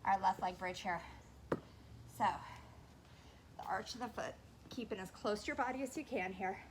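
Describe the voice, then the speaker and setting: A woman leading a workout while exercising along, somewhat breathless, giving short form cues and steady encouragement. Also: mid-range voice, normal speed, noisy background. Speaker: fitness instructor leading a workout. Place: indoors on carpet.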